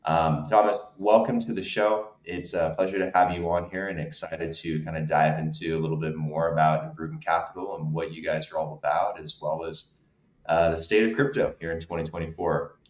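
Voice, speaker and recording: Man, very low voice, podcast host, casual friendly questions, roomy echo. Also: steady tone, a little fast. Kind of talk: casual interview talk. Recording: echoey room.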